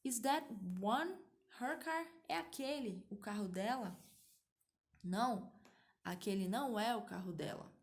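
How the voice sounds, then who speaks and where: A woman's voice: on the high side, measured pace. A woman with a Brazilian Portuguese accent teaching an English lesson, explaining patiently step by step and often checking that her students follow. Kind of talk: online language lesson.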